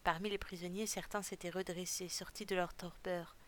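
A woman narrating an audiobook story in a steady, even storytelling manner. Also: on the low side, moderate pace.

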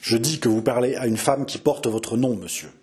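Storybook: dignified young noble wife, solemn and proud, read by a man in his own mid-pitched voice. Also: moderate pace, darkish tone, natural voice. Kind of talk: audiobook character reading.

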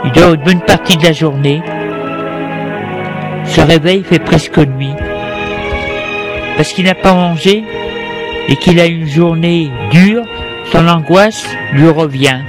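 A man narrating a story in a measured, deliberate way. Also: on the high side, music in the background. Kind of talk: spoken storytelling.

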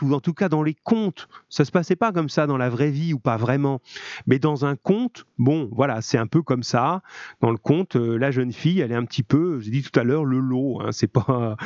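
A French-accented man teaching, chatty and full of little asides as he reads a text aloud and comments on it. The audio is slightly dull and muffled, and the sound is dry and close with no room around it. His pitch sits in a middle range. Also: a little mellow, dry recording. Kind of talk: online class lesson, reading aloud and explaining.

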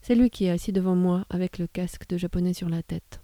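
A woman voicing a twelve-year-old boy who introduces himself slowly and carefully. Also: lowish voice, fairly even intonation, dark tone, no room sound, natural voice. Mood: earnest.

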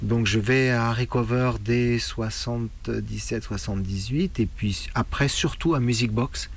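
A middle-aged French punk musician reminisces in a documentary interview, halting and searching for words, repeating himself as he goes. His gravelly, medium-pitched voice comes with a little hiss or hum and loud music behind it.

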